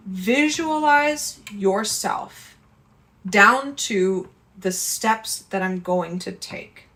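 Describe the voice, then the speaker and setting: A woman's voice: mid-range voice, fairly bright tone. A woman hosting a lifestyle channel, talking earnestly and conversationally about handling stress and speaking straight to her viewers. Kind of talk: casual advice talk to camera.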